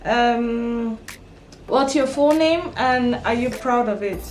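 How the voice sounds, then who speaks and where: A woman's voice: fairly high pitch, slow. Chatty woman vlogging. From Cameroon. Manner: chatty, with frequent ums and self-corrections. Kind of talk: casual get-to-know-me vlog. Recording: echoey room with background music.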